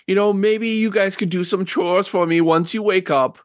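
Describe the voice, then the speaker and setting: A man voicing a frail, lonely old woman in a tabletop role-play, speaking in a halting, timid, polite way. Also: high-pitched, fairly even intonation, no room sound, clean studio sound, voice pushed up, close to an everyday voice. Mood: sheepish.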